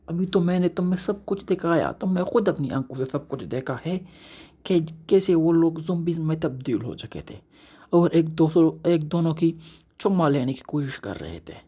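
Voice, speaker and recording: A man's voice: on the high side, expressive, moderate pace, dark tone, slightly rough, dull audio. A man voicing a chatty, mocking male ring spirit in a story recap, teasing the hero and calling him child. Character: talking magic ring spirit, male, mocking know-it-all.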